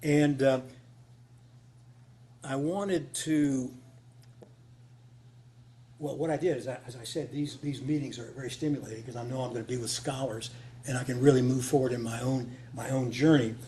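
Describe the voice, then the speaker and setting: A man with a mid-range, warm voice gives an informal, off-the-cuff conference talk in a folksy way, repeating phrases for emphasis, at normal speed with fairly even intonation and long pauses. He is a conference speaker who writes radio dramas, speaking live before a small group in a meeting room. The live recording has clear hum and noise.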